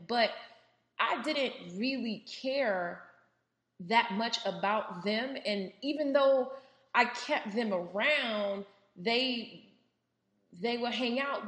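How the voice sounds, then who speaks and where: A woman's voice: mid-range voice, fairly bright tone. A woman, hosting a solo podcast in a candid, chatty way with many fillers and asides. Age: 30s. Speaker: podcast host. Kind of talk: casual solo podcast monologue. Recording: roomy echo.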